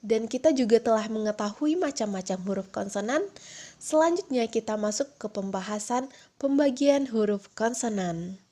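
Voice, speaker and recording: Young woman teaching, says each sound slowly over and over, patient. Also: a little high, lively intonation, dark tone, slight background noise. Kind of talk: phonetics lesson.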